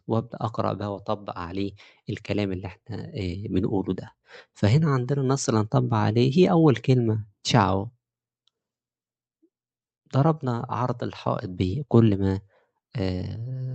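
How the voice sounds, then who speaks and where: A man with an Egyptian Arabic accent gives an Italian pronunciation lesson. He has a low, gravelly, mellow voice and walks through each rule patiently, slowly repeating example words. The sound is dry and close. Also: dry recording, muffled recording. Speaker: Italian teacher.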